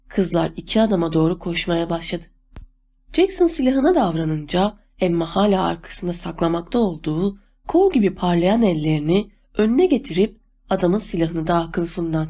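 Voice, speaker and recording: Low, husky woman narrating a story. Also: warm tone. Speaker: audiobook narrator. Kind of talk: scripted narration.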